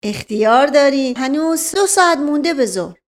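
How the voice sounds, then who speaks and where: A woman doing a high-voiced stammering old manservant. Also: expressive. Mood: flustered. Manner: stammering, ingratiating. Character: old male servant, evasive and flustered.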